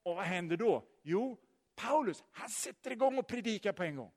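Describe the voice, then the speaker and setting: Preaching man in a reverberant hall. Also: sits high. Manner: lively storytelling, asks the listeners questions. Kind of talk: sermon.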